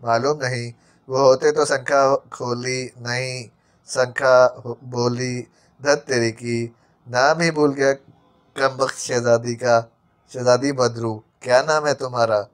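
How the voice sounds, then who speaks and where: A man's voice: mid-range voice, steady tone, close to an everyday voice. Brief: jumpy, wisecracking male servant in an audiobook drama, stutters under fright, read by a man. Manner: stammering, quick-tongued sarcasm. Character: jittery comic male servant, quarrelsome.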